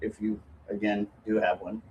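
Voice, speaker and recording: A man chatting casually to viewers as a vlogger, talking haltingly around a lip packed with chewing tobacco. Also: on the low side, level tone, dull audio, noisy background.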